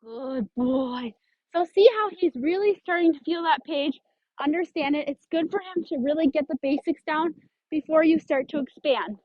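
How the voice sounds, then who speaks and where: High-voiced woman teaching dog training. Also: moderate pace, no room sound, lo-fi sound. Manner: explains step by step, gives firm short commands in a lower voice. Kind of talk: instructional demonstration.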